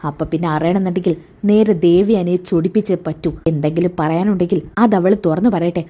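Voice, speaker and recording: A woman's voice: lowish voice, fairly quick, natural voice. A woman voicing a defiant, suspicious mother. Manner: sharp, probing, defiant retorts.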